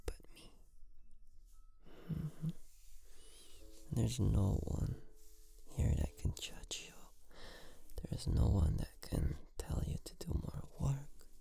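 A man in a whispered role-play as a tender, soothing boyfriend, murmuring sweet nothings in a soft, breathy voice. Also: mid-range voice, expressive, takes it slowly, pauses often, soft background music.

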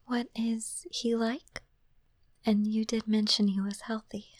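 A calm, caring young princess, played by a woman, speaks only in a soft, airy whisper. She takes her time over every phrase, unhurried and reassuring. The sound is intimate and dry, right up at the microphone. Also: a little high, no room sound. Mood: soothing whisper. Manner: slow, soothing, reassuring. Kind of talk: whispered ASMR roleplay.

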